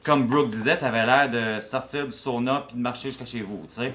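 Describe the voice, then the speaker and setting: A man's voice: medium pitch, quick pace, a bit bright, a little hiss or hum. A native French-speaking man with a Quebec accent, chatting casually and slangily, slipping between French and English. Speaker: drag show review co-host. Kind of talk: casual bilingual chat.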